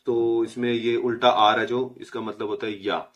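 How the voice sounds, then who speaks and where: A young man from India giving a casual spoken language lesson, patiently explaining and slowly repeating each letter's sound. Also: mid-range voice, little pitch movement, lo-fi sound. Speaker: language teacher.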